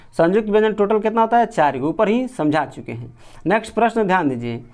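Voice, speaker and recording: A man teaching a grammar lesson, going through exam questions one by one, repeating each answer back as a question. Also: sits high. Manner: repetitive, drills answers with rhetorical questions; colloquial with regional words like gō.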